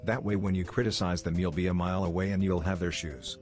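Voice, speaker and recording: Deep-voiced man telling deadpan jokes. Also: fast. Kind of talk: deadpan joke telling in setup and punchline. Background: music.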